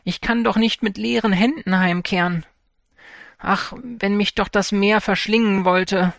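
A man's voice: high voice, fairly even intonation, measured pace, gravelly, a bit bright, dry recording, studio quality, voice pushed up, full character voice. A man voicing a poor, humble young fisherman who speaks plaintively in a fairy-tale audiobook. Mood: lamenting.

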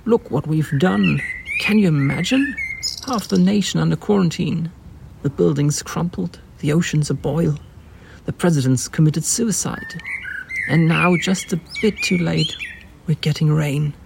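A man voicing a frantic man on a pirate radio broadcast, urgent and disbelieving, in a gravelly voice. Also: a little high, measured pace. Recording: noisy recording with birdsong behind.

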